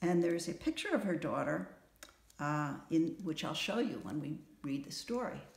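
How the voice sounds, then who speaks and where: A woman reading a storybook aloud in an expressive narrating manner. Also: deep voice, normal speed, vocal fry, echoey room.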